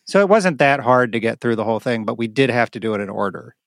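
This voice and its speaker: An excitable man in casual podcast chat, swearing freely and laughing as he goes. His voice is mid-pitched and sits in a dry, close room. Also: fast talker, gravelly, dry recording. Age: adult, married. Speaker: podcast co-host.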